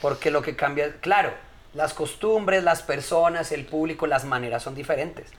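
Male comedian, podcast guest, fairly high pitch, emphatic talker, lecturing tone. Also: moderate pace, over a noisy crowd. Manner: emphatic, lecturing, tells jokes. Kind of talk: casual podcast chat.

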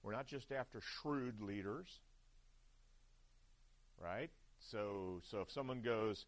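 A man's voice: on the low side, slow. A man preaching a chapel sermon at a seminary, talking conversationally with frequent "right?" checks and restarts.

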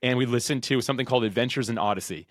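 A man's voice: mid-range voice, very fast, no room sound, clean studio sound. A man in his thirties, a podcast guest, talking with energy and enthusiasm. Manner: energetic, enthusiastic, lots of fillers. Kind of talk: podcast interview.

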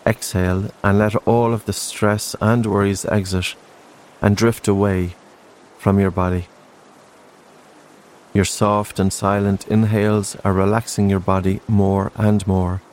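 A man narrating a guided relaxation in a slow, soothing sleep-story manner, gentle and unhurried, with spaced-out phrases. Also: fairly low pitch, level tone, a little hiss or hum.

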